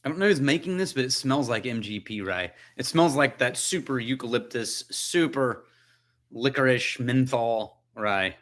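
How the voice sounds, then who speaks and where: Bright-voiced guy doing a chill live whisky tasting from his house, jokey, thinks out loud, answers chat. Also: mid-range voice, animated, moderate pace. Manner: chatty, joking, thinks aloud while tasting. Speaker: whisky channel host. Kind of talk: casual livestream tasting, reading viewer comments.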